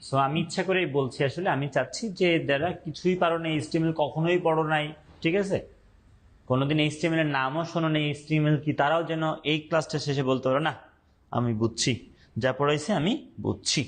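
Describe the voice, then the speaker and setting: A young man teaching an online class, speaking slowly and deliberately, repeating points and quizzing his students. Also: fairly high pitch, steady tone.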